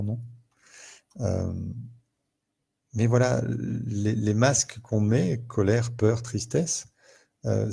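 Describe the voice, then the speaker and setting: A man's voice: lowish voice, vocal fry, warm tone, slightly rough. A man speaking as a therapist in a live talk, thinking aloud, repeating words and acting out everyday scenes to explain emotions.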